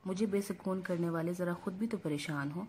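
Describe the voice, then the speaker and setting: A woman's voice: fairly low pitch, darkish tone, slight background noise, close to an everyday voice. A woman reading the lines of a spiteful, jealous young woman cousin in a storybook reading, with a venomous, snapping tone.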